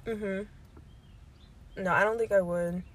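A woman's voice: mid-range voice, fairly even intonation, extremely slow. A young woman co-hosting a casual chat, playful and giggly, full of slang. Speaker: co-host. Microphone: camera.

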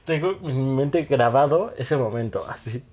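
A podcast co-host with a mid-range voice speaks at a moderate pace on a muffled recording. In casual chat he's an animated storyteller, laughing often and acting out quotes.

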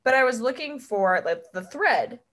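A woman's voice: a little high, animated, normal speed, a bit bright. A young woman co-hosting a podcast, chatting casually with sardonic, dramatic rants. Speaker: podcast co-host. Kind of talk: casual chat.

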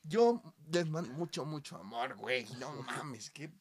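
A man with a Mexican Spanish accent hosts a casual podcast chat. He talks in an animated way, swears freely, and swings between quiet asides and loud outbursts. His voice sits in an ordinary middle pitch. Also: a little slow. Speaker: podcast host.

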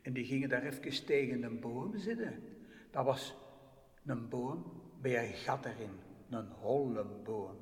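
A man telling a story, lively, with big shifts between loud and hushed. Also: medium pitch, unhurried. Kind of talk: spoken storytelling. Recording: distant voice in echoey hall.

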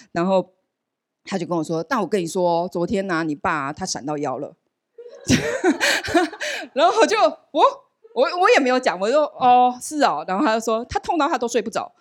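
A woman shares a personal testimony before a congregation, telling her story with animated storytelling. She acts out the voices in her dialogue. Her voice sits on the lower side, recorded dry and close. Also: dry recording. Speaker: church member sharing a testimony. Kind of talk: personal testimony at a church service.

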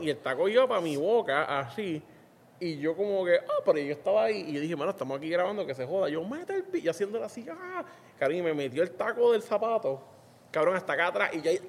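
A man's voice: on the high side, lively intonation, fast talker. A Puerto Rican man with a Puerto Rican Spanish accent telling a crude comic story, swearing and acting out his own quotes. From Puerto Rico. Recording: long reverb, faint ambient noise.

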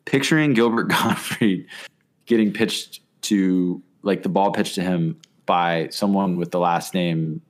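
Low-voiced man in relaxed podcast chat. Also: unhurried. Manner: relaxed, amused, thinks aloud. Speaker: podcast co-host.

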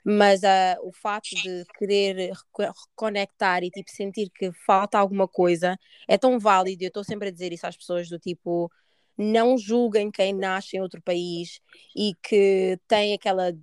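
A Portuguese woman hosting a podcast chats casually in a European Portuguese accent, slipping English words into her speech. Her medium-pitched voice is clean with fairly even intonation and normal speed, recorded in a clean studio with no echo.

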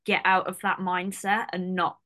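A woman's voice: fairly low pitch, level tone, normal speed, sharp tone. A woman hosting a casual chat and responding sympathetically to her guest. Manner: sympathetic, agreeing. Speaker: host.

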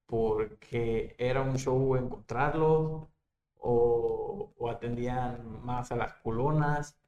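A young Mexican man co-hosts a podcast in an easygoing, slangy way. His voice sits at a middle pitch. The recording is echoey, with faint background noise. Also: slow pace, mellow, dull audio. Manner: laid-back, slangy. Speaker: podcast co-host. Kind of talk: casual chat.

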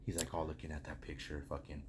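A man's voice: extremely low pitch, level tone, fast talker, noisy background. An American man co-hosting a casual podcast, talking like a frat bro with lots of slang and swearing. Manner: frat-bro talk, slangy and heavily profane. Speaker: podcast co-host. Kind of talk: casual chat.

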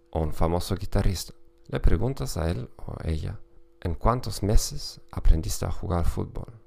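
A man with a German accent and native German, hosting a scripted podcast with careful, halting non-native delivery. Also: low-pitched, creaky, a little mellow. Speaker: podcast host, language teacher.

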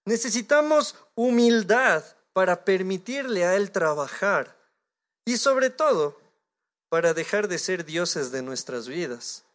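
A pastor in his thirties with an Ecuadorian Spanish accent preaches a sermon in a noticeably high voice. He's lively and animated, acting out little imagined conversations with God, and he speaks slowly.

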